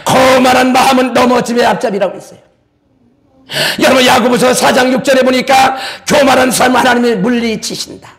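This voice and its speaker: A man's voice: very high-pitched, fairly even intonation, fairly quick, fairly bright tone. A male pastor preaching a sermon in a church, emphatic and dramatic, calling on the congregation to repeat after him. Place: church sanctuary.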